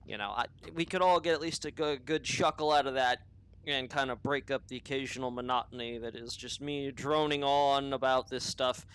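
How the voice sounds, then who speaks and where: Here a podcast host speaks in a mid-range, steady voice at a moderate pace, his tone fairly bright, clear and resonant despite poor audio. His unscripted opinion monologue rambles, swears and interrupts itself with restarts and tangents.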